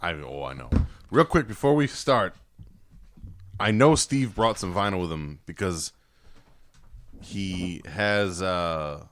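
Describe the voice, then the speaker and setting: Male podcast co-host, loose and profane; bright, forceful tone, slightly low pitch, light background hiss. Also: animated, slow pace, long pauses, no room sound. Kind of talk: casual chat.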